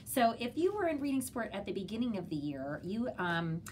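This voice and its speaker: A woman's voice: mid-range voice, very animated, fairly quick. Woman teacher explaining over background noise. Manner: simple step-by-step explaining, sounding out words. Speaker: kindergarten teacher. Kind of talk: instructional walkthrough for parents.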